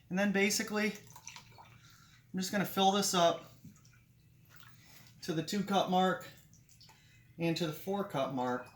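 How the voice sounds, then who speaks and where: A man's voice: high-pitched, fairly bright tone. A man hosting his own cooking video, chatty and upbeat, talking through each step at an outdoor grill. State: eyes runny from grill smoke. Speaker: cooking channel host. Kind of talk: casual cooking how-to vlog.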